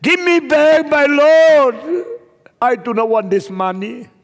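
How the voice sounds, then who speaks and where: Remorseful male disciple, desperate and pleading, acted by a preacher; high voice, hall reverb. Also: expressive, slow pace, exaggerated voice. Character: remorseful male disciple begging to undo betrayal.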